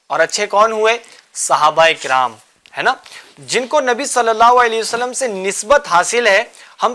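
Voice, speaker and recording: A man hosting a children's religious show, coaxing the kids with repeated questions and gentle teasing. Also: high voice. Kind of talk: quizzing children in a studio class.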